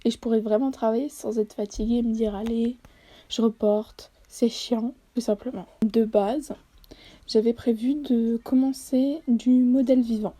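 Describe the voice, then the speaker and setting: A woman's voice: on the high side, steady tone, normal speed, warm tone, breathy edge. A woman vlogger talking casually over a study-with-me video, self-deprecating and hesitant, with many fillers.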